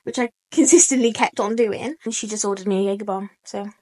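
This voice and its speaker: An eighteen-year-old woman, telling a story on a podcast in an animated way, laughing often and acting out what people said. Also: medium pitch, quick pace. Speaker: podcast co-host. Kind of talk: casual storytelling chat.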